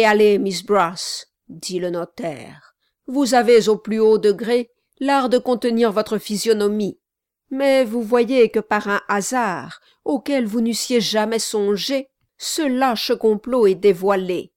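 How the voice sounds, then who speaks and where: Audiobook figure: woman reading a firm, formal male notary, stern and emphatic, high-ish voice. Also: darkish tone, dry recording, clean studio sound.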